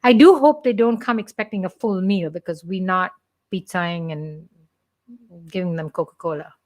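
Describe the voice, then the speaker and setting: A middle-aged woman from India, speaking with an Indian accent, keeps up playful, chatty banter with viewers while hosting her church's live stream. Her voice is lowish and a little mellow, at a normal speed.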